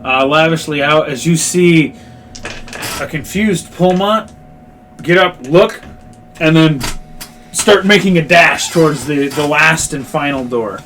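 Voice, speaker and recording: A man running a tabletop game as game master, narrating in a loose, halting way with many fillers. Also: a little high, a bit bright, a little hiss or hum.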